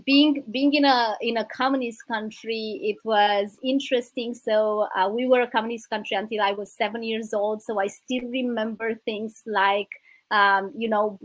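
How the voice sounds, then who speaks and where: Romanian lady in her 30s chatting about her life, a bit high voice, dry close sound, lots of ums. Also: no echo, low-quality recording. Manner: warm, grateful, hesitant with fillers. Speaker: guest, business coach. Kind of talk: casual interview storytelling.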